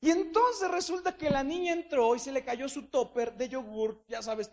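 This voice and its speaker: Man, very high-pitched, playful humorous preacher storytelling. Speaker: speaker.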